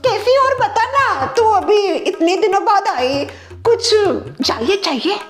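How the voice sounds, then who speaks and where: A woman's voice: very high voice, animated, takes it slowly, soft background music, full character voice. A woman playing a bossy, scolding mother-in-law in a comedy sketch, flustered when caught out.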